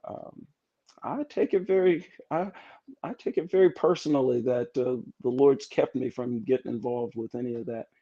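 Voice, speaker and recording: A man's voice: medium pitch, moderate pace, warm tone, lo-fi sound. A man in his fifties, an educator and assistant pastor, telling stories in a casual interview with many restarts and fillers.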